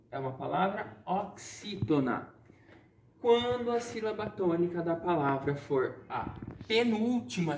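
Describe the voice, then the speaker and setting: A man's voice: on the high side, slight background noise. A man teaching a lesson, explaining patiently and often checking in with his students. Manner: patient, explanatory, frequent check-ins like "certo?" and "tá?". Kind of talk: recorded online lesson. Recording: echoey room, voice from a distance.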